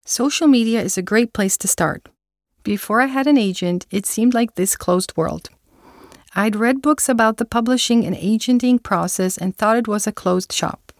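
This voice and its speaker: A woman reading the answers of a scripted interview in a slow, unhurried way. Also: mid-range voice, dry recording, studio quality.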